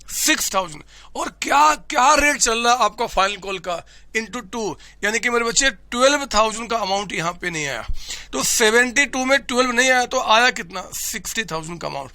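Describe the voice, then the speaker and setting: A male commerce teacher giving a classroom lecture, loud and energetic with a sore throat, often shouting and constantly quizzing his students. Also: very high voice, normal speed, no echo. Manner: keeps asking students questions.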